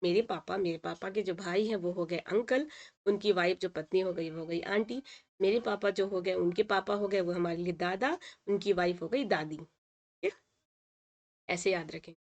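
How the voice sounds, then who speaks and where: A woman's voice: on the low side, normal speed. Patient woman teacher explaining a lesson. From India. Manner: patient, repeats words and says "ठीक है" often. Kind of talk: explaining a textbook lesson in Hindi.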